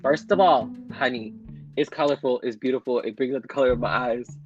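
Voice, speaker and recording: A man co-hosting a casual podcast who tells stories in a sassy, expressive way. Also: medium pitch, a little fast, muffled recording, faint music behind. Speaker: podcast co-host. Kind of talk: casual chat.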